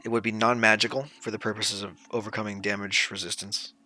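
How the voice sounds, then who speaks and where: A man acting as game master, narrating and explaining rules in a casual, sweary way with halting descriptions. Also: on the low side, little pitch movement, sharp tone.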